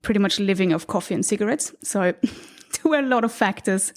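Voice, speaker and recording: Her voice medium-pitched and fairly quick, a thirty-something woman from Austria reflects aloud as a podcast guest. The relaxed, conversational interview takes place indoors in an apartment, and she laughs lightly from time to time.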